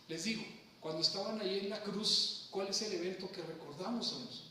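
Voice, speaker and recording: A man's voice: high-pitched, a little fast, bright, forceful tone, a little hiss or hum. A man preaching a sermon, teaching scripture and asking his congregation questions as he goes. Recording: echoey room, from far off.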